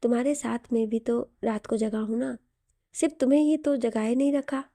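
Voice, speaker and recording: A woman's voice: a little high, steady tone, moderate pace, mellow, dry recording, studio quality, close to an everyday voice. A woman voicing a playful, affectionate young husband who teases and coaxes his wife in an audio story. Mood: teasing. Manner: teasing, coaxing.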